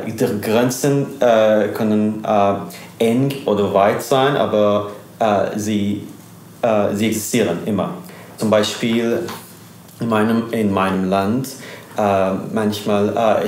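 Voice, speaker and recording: Slow, hesitant man with a Persian accent. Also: fairly low pitch, a little mellow, roomy sound, a little hiss or hum. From Iran. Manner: hesitant, searching for German words, many fillers. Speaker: guest. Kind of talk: interview.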